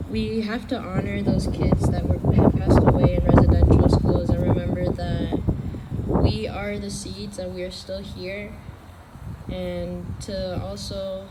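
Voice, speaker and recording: Earnest woman telling a song's story. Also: mid-range voice. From Canada. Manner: earnest, heartfelt, with fillers. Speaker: singer explaining a song. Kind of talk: telling the story behind a song. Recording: loud traffic noise outdoors.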